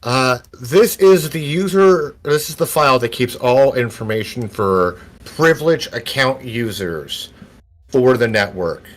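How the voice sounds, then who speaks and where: A man's voice: medium pitch, a little slow. A man running a tabletop game as game master, narrating scenes and asking players for checks. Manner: relaxed, laughs often, stumbles and restarts while describing scenes.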